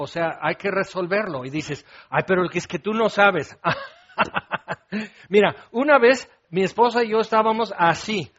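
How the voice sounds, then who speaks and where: Middle-aged man preaching, high-pitched voice, lively and theatrical, slightly muffled recording. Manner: animated, acts out scenes with shouts and laughs. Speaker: pastor. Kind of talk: sermon.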